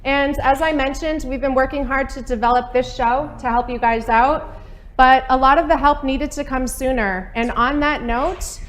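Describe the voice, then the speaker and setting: A woman's voice: sits high, fairly even intonation, moderate pace. A woman in her thirties from Maine, hosting a live webcast in a chatty, upbeat way from a studio set. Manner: upbeat, chatty, laughs often. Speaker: webcast host. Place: studio set with a small table and laptop.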